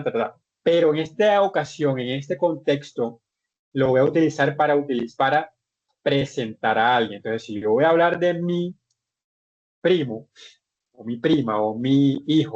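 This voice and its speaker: A man's voice: mid-range voice, measured pace, darkish tone. A man teaching an English class online in Spanish, explaining step by step with patient repetitions and restarted words. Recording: dull lo-fi online class audio.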